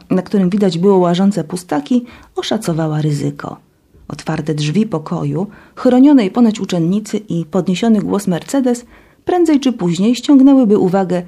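A woman narrating a novel chapter as an audiobook, reading in a steady, even storytelling manner. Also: lowish voice, normal speed.

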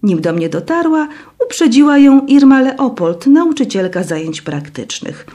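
A woman reading a first-person story aloud in a dramatic, expressive way. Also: sits high, a little slow. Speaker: audiobook narrator. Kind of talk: first-person scripted narration.

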